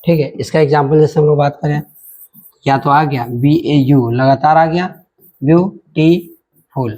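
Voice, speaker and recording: Man teaching grammar, mellow tone. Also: fairly high pitch, fairly even intonation, moderate pace. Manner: spells words letter by letter, repeats "ठीक है" often. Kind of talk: online grammar lesson.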